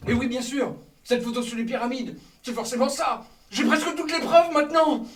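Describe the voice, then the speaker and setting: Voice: high voice, steady tone, normal speed, natural voice. An actor playing an obsessive, frantic conspiracy researcher in a comedy short, recorded at a distance with faint noise. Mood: feverish. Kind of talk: comedy short film acting.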